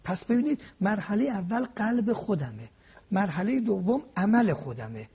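Appearing as a guest on a TV program, a man delivers a religious talk point by point, pressing home emphatic rhetorical questions. His high voice is sing-song, gravelly, and slightly rough, and the broadcast audio is dull and lo-fi.

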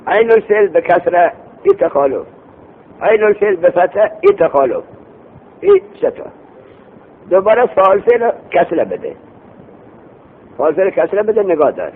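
A man teaching a classroom lesson, explaining terms over and over and quizzing his students. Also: pauses often. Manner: lively, repeats terms, asks students questions. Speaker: teacher of Arabic morphology. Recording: tinny phone-like recording with faint rumble.

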